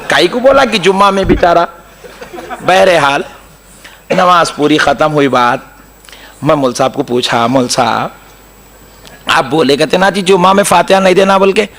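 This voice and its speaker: A man's voice: fairly high pitch, normal speed, pauses often, fairly bright tone. A man with a Hyderabadi Urdu accent giving a humorous sermon, telling stories, mimicking others and chanting Quran passages. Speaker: preacher.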